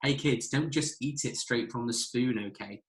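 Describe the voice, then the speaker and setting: A man's voice: mid-range voice, normal speed, husky. A British man giving a live outdoor cooking demonstration by a campfire, instructive and friendly, speaking to children watching. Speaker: forest school instructor.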